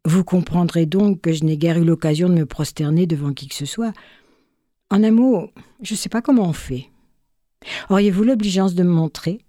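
A woman's voice: lowish voice, moderate pace, warm tone, no room sound, clean studio sound, natural voice. A woman voicing a young prince who speaks with exaggerated courtesy and feigned helplessness, in a read fairy tale. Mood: mock polite. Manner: overly polite, feigned helplessness.

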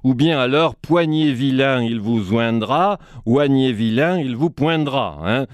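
A man's voice: medium pitch, a little slow, dry recording. A man giving reflective spoken commentary in a professorial manner, tagging his phrases with little asides and playing on words. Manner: professorial, tags phrases with "hein" and "vous voyez"; fond of wordplay and quotations. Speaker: commentator on a broadcast series.

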